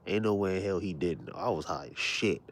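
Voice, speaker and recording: A young male vlogger with a very deep, low voice rambles unhurriedly through stories, cursing freely in a laid-back way. He speaks quietly, near a whisper at times, so no one in the house wakes, though his deep voice still carries. It feels like a casual late-night home vlog, with slight background noise.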